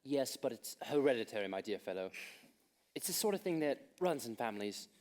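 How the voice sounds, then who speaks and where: A young man acting a witty, idle gentleman in a school stage comedy, with a playful, teasing delivery. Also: mid-range voice, very animated, brisk, lightly acted. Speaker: stage actor in a school play.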